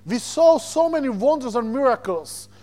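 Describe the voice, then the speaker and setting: With an extremely high pitch, lively intonation, and a slightly mellow quality, a Slovak-accented man from Slovakia preaches as a visiting speaker. He tells personal stories informally, halting as he hunts for words in non-native English.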